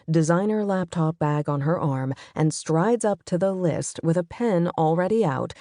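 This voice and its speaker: A woman narrating an audiobook in the first person with a measured, even storytelling delivery on a close studio microphone. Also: sits low, no echo.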